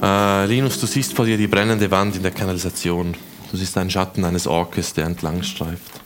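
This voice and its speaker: A man from Switzerland narrating as game master of a tabletop game, slow and dramatic, voicing figures' quotes. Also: low-pitched, steady tone, background noise. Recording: music playing behind.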